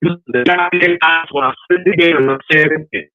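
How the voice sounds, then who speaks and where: A man's voice: a little high, fairly quick, dry recording, faint music behind. A man calling in to a sports talk show, fired up and needling, his voice choppy and glitching robotically as the call breaks up. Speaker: call-in listener. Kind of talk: casual sports trash talk. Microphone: phone. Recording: muffled breaking-up phone line.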